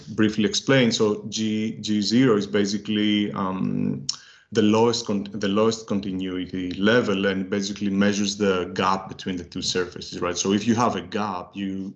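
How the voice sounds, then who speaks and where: A low, flat-voiced man works through a technical presentation, stopping and restarting often and leaning on fillers. His audio sounds dull and lo-fi, like a video call stream. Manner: halting, many fillers and restarts. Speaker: workshop speaker.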